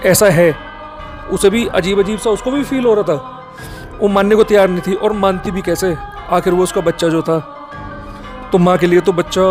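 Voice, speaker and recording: A man telling a horror story in casual spoken style, rambling with fillers and correcting himself as he goes. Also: high-pitched.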